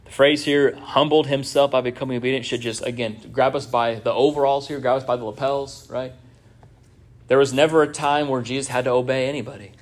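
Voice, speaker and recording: A man preaching in a church at a mid-range pitch. His delivery is conversational and keeps checking in with the congregation through rhetorical asides. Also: steady tone, fairly quick. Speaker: pastor. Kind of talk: sermon.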